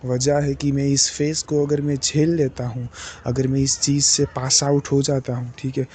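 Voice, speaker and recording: A young man talking slowly and deliberately in a personal diary vlog, pausing often with fillers. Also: fairly high pitch, mellow, a little hiss or hum. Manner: slow, deliberate, hesitant with many fillers. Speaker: vlogger.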